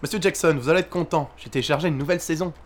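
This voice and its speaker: A man's voice: on the high side, rapid-fire, slight background noise, lightly acted. A man playing a cheerful, insistent male therapist. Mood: chirpy. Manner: chirpy, insistent.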